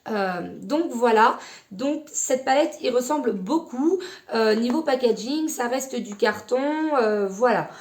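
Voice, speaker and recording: Woman, beauty vlogger, casual makeup review, many fillers and restarts, fairly high pitch. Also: lively intonation, measured pace.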